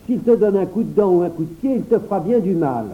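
A man's voice: high voice, expressive, fast, pitched above the performer's own voice. A man voicing a cautious, questioning young boy in a read-aloud storybook, in a raised child's voice. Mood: wary. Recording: tinny phone-like recording.

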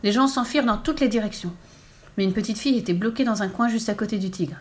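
A woman narrating a children's storybook aloud in a steady, clear storytelling voice. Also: medium pitch, quick pace. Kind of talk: storybook reading.

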